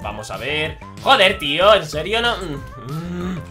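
Excitable young Spaniard shouting over gameplay. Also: male voice, fairly high pitch, unhurried, faint music behind. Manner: excitable, bursts into shouts, self-mocking jokes. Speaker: gaming YouTuber. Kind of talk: live gameplay commentary.

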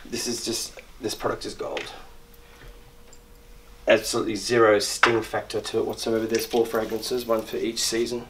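This step-by-step grooming demonstration comes from a middle-aged barber in his shop, explaining a trim and shave while working and often restarting and repeating words. His voice sits on the low side with little pitch movement, at a moderate pace, against a noisy background.

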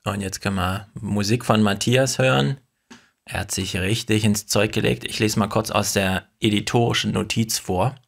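Gravelly low host, casual and jokey. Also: male voice, steady tone, normal speed. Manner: offhand, jokey. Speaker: podcast host. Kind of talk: casual chat.

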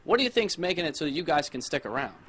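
Peppy young guy doing a live tv spot on an rv lot, handheld mic, higher voice, bit of noise. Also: sing-song, fast talker, a bit bright. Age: young adult. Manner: upbeat, chatty promo delivery. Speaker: field reporter. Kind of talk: live TV field report. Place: outdoors beside an RV on a sales lot, then inside the RV.

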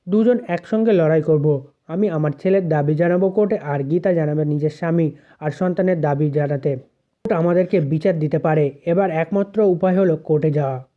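A man's voice: a little high, lightly acted. A man voicing an older father who insists on fighting for his son. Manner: insistent, repeats himself. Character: older father, grieving and determined. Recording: tinny phone-like audio.

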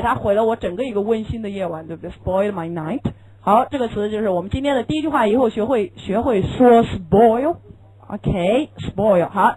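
A woman whose native language is Chinese gives a patient English lesson, asking rhetorical questions and repeating key phrases. Her voice is fairly high, warm, and husky, and the audio is poor.

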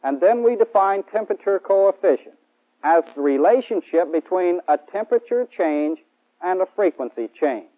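Cast as a military instructor, a thirtysomething American man lectures formally and methodically in a 1960s training film made on an indoor studio set. His high-pitched voice is animated and moderately paced. The band-limited old soundtrack gives the audio a phone-quality sound.

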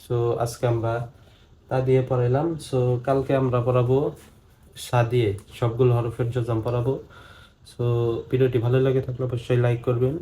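A man teaching Quran reading, going slowly through syllables one by one in steady repetition. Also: mid-range voice, poor audio. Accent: Bangladeshi Bengali. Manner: slow, drilling syllables one by one in even repetition. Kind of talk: step-by-step recitation lesson.

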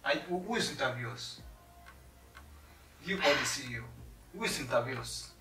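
A man's voice: mid-range voice, expressive, normal speed, over loud music, lightly acted. A young man acting as an arrogant, rude and impatient job applicant in a skit. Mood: irritated. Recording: echoey room, mic far off, noisy.

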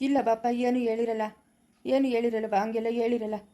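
A gentle, protective aging father, played by a woman in a family short drama, soothing his son with repeated reassurances. The voice is mellow and somewhat high, and the lines come quickly. Soft music plays underneath. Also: fairly even intonation, natural voice.

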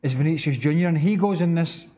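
Blunt middle-aged TV football pundit. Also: male voice, fairly high pitch, brisk, mellow. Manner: blunt, emphatic analysis. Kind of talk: TV studio punditry. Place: TV studio.

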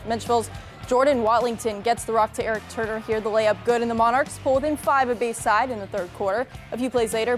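Upbeat woman sports reporter, fairly high. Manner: upbeat, punchy play-by-play delivery. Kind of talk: scripted sports highlights narration. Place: TV news studio.

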